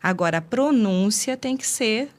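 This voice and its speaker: A woman's voice: on the high side, animated, normal speed. A Brazilian woman, a teacher guest in an interview, explaining patiently and giving examples.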